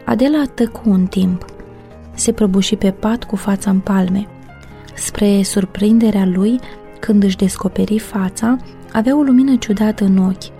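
Style: mellow female audiobook narrator. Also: medium pitch, fairly even intonation, faint music behind.

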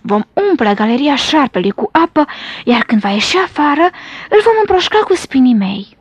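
A woman's voice: high voice, animated, husky, dry recording. Woman voicing a grave wild rose. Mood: determined. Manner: grave, deliberate.

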